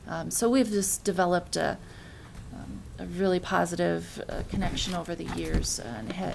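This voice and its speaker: A woman's voice: fairly low pitch, creaky, slight background noise. A woman who acts as library director and explains matters plainly at a public board meeting, with some fillers. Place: meeting room.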